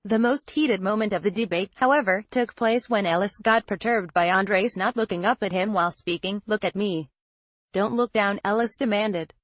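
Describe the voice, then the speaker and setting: Woman giving a steady scripted news read, dry. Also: mid-range voice, normal speed, few pauses, no room sound. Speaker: news narrator.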